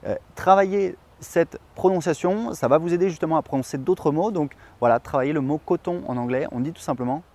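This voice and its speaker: A young man whose first language is French gives a casual online pronunciation lesson, chatting with many fillers and saying example words slowly to demonstrate. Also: fairly high pitch, darkish tone. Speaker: English teacher.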